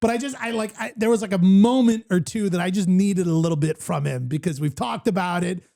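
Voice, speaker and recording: High, gravelly man telling animated stories. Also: fairly quick. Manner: animated storyteller, acts out voices. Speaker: podcast host. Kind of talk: casual chat.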